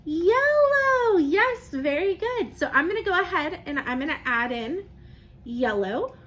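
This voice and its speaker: Very high-pitched, a bit bright, and very animated, a woman addresses young children through the camera at a measured pace. She breaks things down step by step, poses questions, and praises her viewers as if they've answered.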